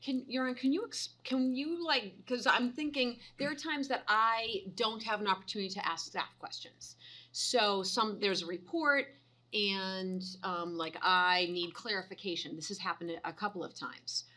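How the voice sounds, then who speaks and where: A woman's voice: mid-range voice, moderate pace, sharp tone. A woman city councilor pressing for clarification in the council chamber, restarting often and saying "like" a lot. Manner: probing, restarts and many "like" fillers. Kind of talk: questions in a council meeting.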